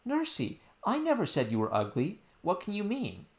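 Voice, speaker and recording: A man's voice: high voice, huge pitch swings, normal speed, pitched above the performer's own voice. A man voicing an upset young girl princess, earnest and proud, in a storybook reading. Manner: earnest, pleading. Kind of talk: audiobook character voice.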